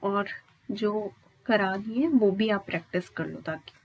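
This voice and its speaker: Speaking a little slowly in a medium pitch, an Indian-accented woman walks through grammar one step at a time for exam preparation. Her instructional style relies on frequent questions and tags to confirm listeners are keeping up. There's slight background noise.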